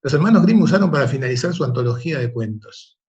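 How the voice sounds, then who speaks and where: A man, the guest of an interview, telling a parable and reflecting in an animated, conversational way. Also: mid-range voice, fast talker, muffled recording. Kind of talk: conversational storytelling.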